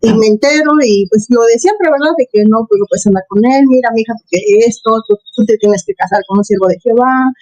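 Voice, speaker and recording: A woman's voice: a little high, fairly quick, hardly any pauses, warm tone, poor audio. A middle-aged woman tells her personal story as an interview guest, earnest, with many fillers and acted-out quotes. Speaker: interview guest, former Jehovah's Witness. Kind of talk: personal testimony, casual storytelling.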